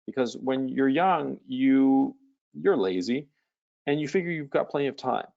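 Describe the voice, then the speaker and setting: A man's voice: medium pitch, unhurried, vocal fry, a little mellow, lo-fi sound. A man hosting a live webinar Q&A as a coach, talking bluntly and casually and swearing freely.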